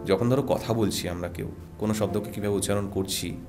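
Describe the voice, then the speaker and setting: A man's voice: on the low side, steady tone, a little fast, over music. A man who works as a radio jockey and voice artist, giving earnest advice in a podcast conversation, with a Bengali accent and rhythmic, emphatic repetition.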